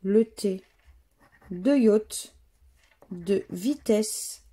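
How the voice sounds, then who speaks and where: Warm and medium in pitch, a French-accented woman comments casually while scratching lottery tickets on camera. She speaks in a slow murmur, reading out the letters one by one.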